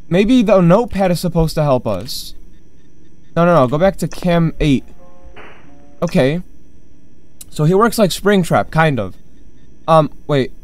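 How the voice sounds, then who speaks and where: A man's voice: on the high side, animated, measured pace, pauses often, faint music behind. A man hosting a horror game let's play, confused and jumpy, talking to himself as he plays. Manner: jumpy, confused, talks to himself while playing. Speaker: gaming channel host.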